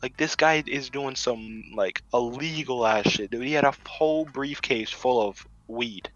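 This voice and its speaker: Young male podcast co-host, bright and punchy, profane storyteller, dry lo-fi sound. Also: mid-range voice, a little slow, faint music behind. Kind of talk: casual chat.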